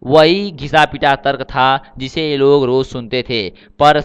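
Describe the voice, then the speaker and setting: A man narrating a novel in a steady storytelling manner. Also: mid-range voice, a little slow, clear, resonant tone. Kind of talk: audiobook narration.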